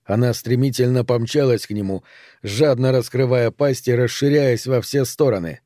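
Male audiobook narrator, measured telling, dark mellow tone, dry close sound. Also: medium pitch, no room sound. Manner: measured storytelling.

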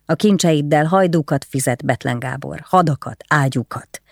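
A narrator voicing a grieving, duty-bound nobleman who speaks gravely and sometimes in a whisper, in an audiobook. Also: fairly high pitch, dry recording, clean studio sound.

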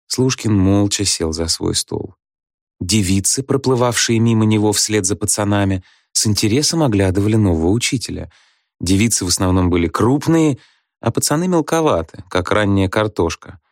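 A man reading a story aloud as an audiobook narrator, in an even, wry storytelling manner. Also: lowish voice, no room sound, clean studio sound. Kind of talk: scripted narration.

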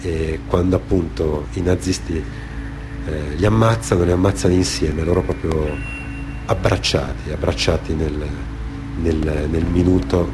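A deep, fairly even male voice at a measured pace belongs to a Genoese theatre storyteller and author-performer on radio. With music in the background, he reflectively recounts dramatic material, some ad-libbed anecdote and some read testimony, now and then halting to repeat a phrase.

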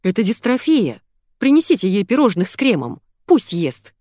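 A woman's voice: mid-range voice, very animated, moderate pace, mellow, dry recording, studio quality, pitched above the performer's own voice. A woman voicing a brash young man who gives orders brusquely. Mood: commanding. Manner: brusque, commanding.

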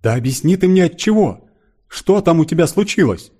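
A man's voice: on the high side, animated, normal speed, warm tone, breathy edge, pitched above the performer's own voice. A man doing a stern, careworn older sister. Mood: insistent.

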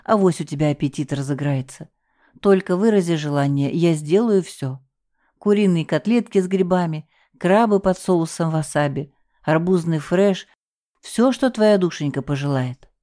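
A woman's voice: fairly low pitch, normal speed, mellow, natural voice. A woman voicing a fussing, motherly cook who coos and coaxes a grieving girl. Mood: coaxing. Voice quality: cooing, doting.

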